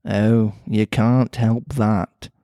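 A man voicing a slow, sly, grinning male cat with a Mancunian accent, low and drawling. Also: little pitch movement, mellow, dry recording, clean studio sound.

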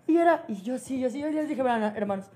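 High-pitched Ecuadorian woman podcast host, lively swearing storyteller, casual talk. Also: quick pace. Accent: Ecuadorian Spanish. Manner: animated, swearing, laughing storyteller.

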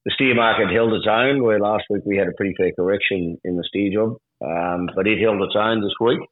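A man's voice: lowish voice, a little fast. A man with a rural Australian accent giving a casual livestock market report on radio in a laconic, colloquial outback drawl. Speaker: livestock agent interviewed as guest. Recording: roomy, phone-like line.

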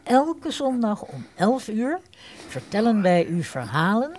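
A woman hosting a radio play, reading a scripted introduction in a measured storytelling manner. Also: medium pitch, sing-song, darkish tone, slight background noise. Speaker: host, narrator.

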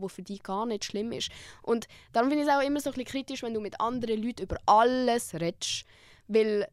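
A woman's voice: medium pitch, no room sound, clean studio sound. Candid young Swiss woman podcasting. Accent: Swiss German. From Switzerland. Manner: candid, frank, lively, with quoted inner dialogue. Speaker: podcast host. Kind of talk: casual solo podcast talk.

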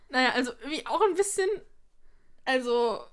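A woman's voice: high voice, animated, normal speed. A woman co-hosting a casual podcast chat, retelling scenes with acted quotes and frequent laughter. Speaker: podcast co-host. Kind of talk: casual chat recapping an episode.

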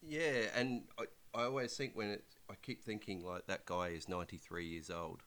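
Low-voiced Australian man chatting casually. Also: steady tone, normal speed, a bit bright, a little hiss or hum. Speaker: podcast co-host. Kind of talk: casual podcast chat.

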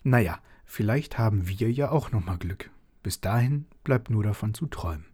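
A man reads a bedtime story in a gentle, expressive way, now and then dropping to a whisper. His voice sits low and sounds soft and breathy. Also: moderate pace, no echo, clean studio sound.

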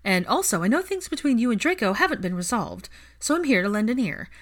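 A woman's voice: fairly high pitch, big pitch swings, fast talker, voice pushed up. A woman putting on a brash, teasing young woman. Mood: breezy. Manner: loud, bossy, teasing.

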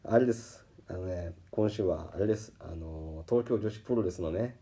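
A man with a Kansai accent hosting a podcast, telling a story in a casual, animated way and acting out the people he quotes. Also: low voice, moderate pace. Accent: Kansai Japanese. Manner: animated, acts out quoted voices. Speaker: podcast host. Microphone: podcast microphone.

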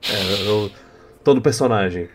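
A young man with a Brazilian Portuguese accent hosting a casual podcast, speaking in a halting, rambling way and often repeating words. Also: fairly low pitch, noisy background. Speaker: podcast host. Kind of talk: casual unscripted podcast chat.

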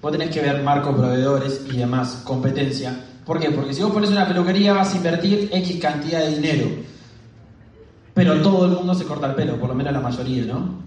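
A man with an Argentine accent, speaking fast as a motivational business speaker, telling stories and chatting with a live audience. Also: fairly high pitch, a little mellow. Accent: Argentine Spanish. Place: large echoey hall. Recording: echoey hall, mic far off.

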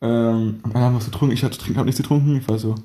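A man's voice: medium pitch, fairly even intonation, very fast, warm tone. A young man chatting casually on a podcast, rambling with slang and laughing a lot. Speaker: podcast host.

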